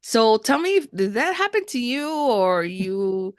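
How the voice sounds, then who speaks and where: A Miami podcast host chats casually in a bilingual interview, moving between Spanish and English and repeating words effusively. Her voice is a little high and sing-song, her pace a bit slow, and the studio-quality recording has no room sound.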